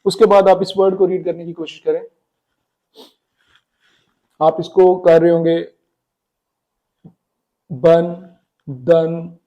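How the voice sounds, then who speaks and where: A man explaining Chinese pronunciation in a casual spoken lesson, repeating words slowly. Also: high-pitched, flat delivery, dark tone. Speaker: Chinese language teacher.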